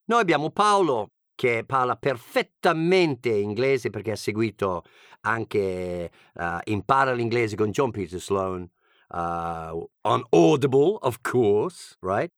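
English guy teaching, playful and jokey, slow talker, dry close sound. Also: on the low side, lively intonation, no echo. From England (Birmingham). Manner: playful, joking asides. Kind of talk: humorous language lesson.

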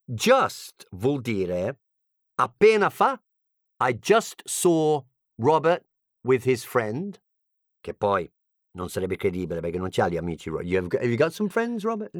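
A man's voice: medium pitch, big pitch swings, takes it slowly, no room sound, studio quality. A man from England with an English accent and English as his first language, giving a playful, joking language lesson as a teacher. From England (Birmingham).

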